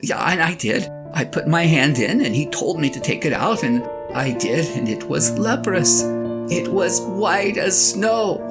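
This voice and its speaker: A woman playing a flustered, reluctant Moses as an aging husband, halting and pleading in a conversational audio drama monologue. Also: low voice, lively intonation. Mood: earnest, awed. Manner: halting, stammering, pleading, sighing. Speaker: actor in a one-person audio drama. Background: guitar and piano music.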